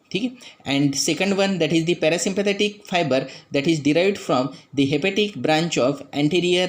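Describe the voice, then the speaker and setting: A man with an Indian English accent gives an anatomy lecture. His voice sits a little high, and he walks through each structure in turn, pointing things out and stringing his phrases together with "that is.". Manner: explains step by step, pointing out structures; frequent "that is" and "after then" phrasing.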